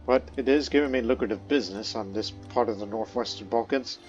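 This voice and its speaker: A let's play host talks through his gameplay casually, rambling with lots of fillers and restarts and sometimes speaking as his in-game ruler. His voice is medium-pitched and a little fast, the audio is dull, and faint game music plays behind him. Croatian isn't his first language; he learned it as a second language.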